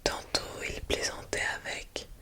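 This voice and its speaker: An ASMR host reading a children's picture book aloud in a hushed library whisper, with gentle phrasing and small asides to listeners. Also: a little slow.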